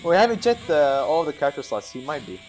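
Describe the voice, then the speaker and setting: A man giving casual, excitable gaming commentary, laughing often and cursing mildly. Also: on the high side, fast, a little hiss or hum. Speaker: gameplay commentator.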